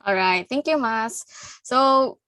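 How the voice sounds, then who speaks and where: Bright-voiced woman MC, dry close sound. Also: fairly high pitch, takes it slowly, dry recording. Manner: cheerful, laughs between lines. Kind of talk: hosting an online panel. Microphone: video call.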